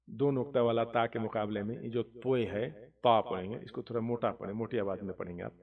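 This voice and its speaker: A man teaching recitation. He draws out the Arabic words slowly between quick explanations. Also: medium pitch, steady tone, a crowd in the background. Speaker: religious teacher. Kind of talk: recitation lesson. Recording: distant, muffled recording.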